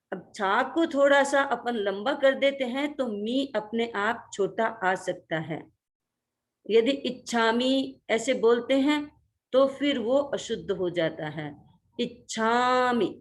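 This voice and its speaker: A woman teaching a religious workshop, drawing out each syllable as she shows how to pronounce a recited text. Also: on the high side. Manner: recites syllables slowly, stressing each sound. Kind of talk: pronunciation lesson with slow recitation. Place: online video workshop.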